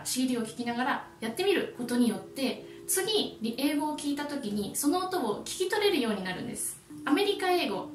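A Japanese woman who teaches English, giving a friendly and lively YouTube lesson. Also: on the high side, roomy sound, distant mic, a little hiss or hum.

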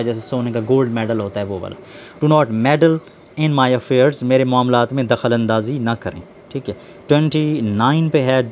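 A man teaching English vocabulary, explaining slowly, spelling words out letter by letter and asking his students questions. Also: mid-range voice, a little mellow, a little hiss or hum. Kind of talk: classroom lesson explaining word pairs.

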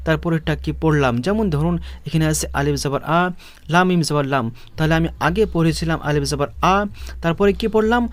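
A man teaching Quran reading with a Bangladeshi Bengali accent, patiently spelling out each syllable and repeating it slowly for learners. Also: on the high side, no echo. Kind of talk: step-by-step spelling lesson.

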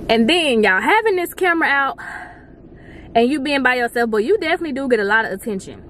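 A high-voiced woman talks fast, with a slight hiss or hum in the audio. She's a vlogger sitting in a parked car, chatting casually to her dashboard camera and telling a story with lots of animation, gesturing with her hands as she goes.

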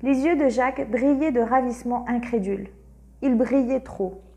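A woman narrating a literary audiobook in a measured, expressive way. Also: fairly high pitch. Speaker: audiobook reader.

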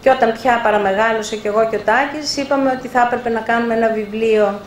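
An older woman publisher telling lively anecdotes in an interview, acting out the dialogue. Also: fairly high pitch. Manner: animated anecdotes with acted-out dialogue. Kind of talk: storytelling in a live interview. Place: bookshop event room. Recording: echoey room, faint background noise.

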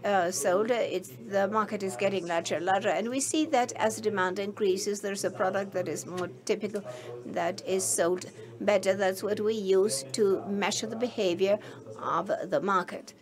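A woman giving a simultaneous interpretation of a conference keynote, halting and filling pauses with many hesitation sounds. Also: mid-range voice.

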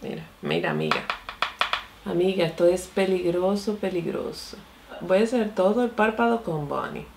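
A young beauty vlogger chats excitedly as she tries out new makeup at her vanity. Her voice sits on the low side and is gravelly with vocal fry. She keeps calling out to her viewers as she talks. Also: normal speed, a little hiss or hum. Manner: chatty and excitable, often says "mi amor" and "señores". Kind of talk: casual makeup review and tutorial.

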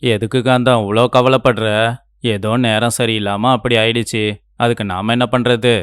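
Man voicing a gentle, earnest young husband. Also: mid-range voice, little pitch movement, normal speed, clean tone, no room sound, studio quality, close to an everyday voice. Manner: earnest, pleading. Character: kind young husband defending his wife. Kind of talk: cartoon voice acting.

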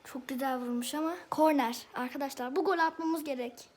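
A woman's voice: sits high, brisk. A woman hosting a gameplay video, talking through her own football match as she plays, exclaiming at passes and arguing with the referee. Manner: excitable, exclaims and argues with the referee. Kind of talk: live football game commentary.

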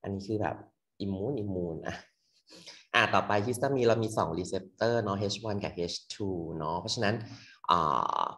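A young man tutoring medical students in a loose, quick exam review full of fillers. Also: fairly low pitch, fairly bright tone. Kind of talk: casual exam review lecture. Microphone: computer mic on a screen recording.

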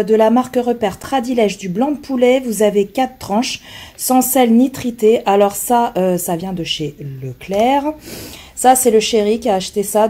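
Chatty hoarse woman, soft-toned. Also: a little high. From France. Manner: chatty, rambling, many fillers and restarts. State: hoarse from illness. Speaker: vlogger showing her groceries. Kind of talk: casual chat to camera.

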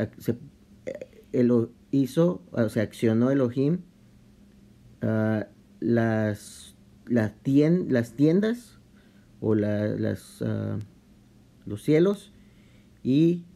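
A man explaining a Bible study in a casual vlog, talking halting and conversational with many restarts and English slang mixed in. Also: medium pitch, expressive, vocal fry, dark tone. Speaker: vlogger.

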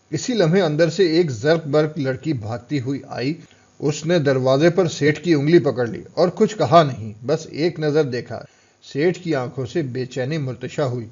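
A man narrating a novel audiobook in a steady, even reading voice. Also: fairly high pitch, breathy edge, dull audio.

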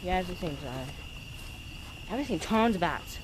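High-voiced man chatting outdoors in noise. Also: animated, unhurried. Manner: slangy, exclamatory. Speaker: exploration companion. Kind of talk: casual chat. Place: outdoors in a graveyard at night. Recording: noisy outdoor camera recording.

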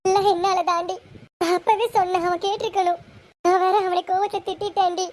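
A woman's voice: very high voice, flat delivery, a little fast, a little mellow. A woman voicing a guilt-ridden teenage schoolgirl who blames herself anxiously during a phone call. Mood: distressed.

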